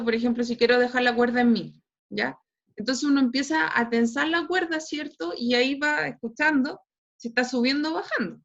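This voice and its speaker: A Chilean woman teaches physics over a video call, explaining step by step and checking in with her class after almost every phrase. Her voice sits high, and the computer mic makes it sound dull and lo-fi. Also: fairly bright tone. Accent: Chilean Spanish. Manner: explains patiently, constantly tags phrases with "¿cierto?". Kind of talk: online class lecture.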